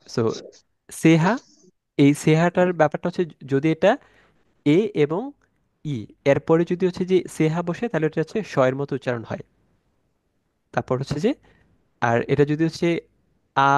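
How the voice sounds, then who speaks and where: A man teaching an online class from slides, slowly spelling out letters and sounds in a casual way, thinking aloud with fillers as he goes. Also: a little high, darkish tone, no room sound. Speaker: German language teacher.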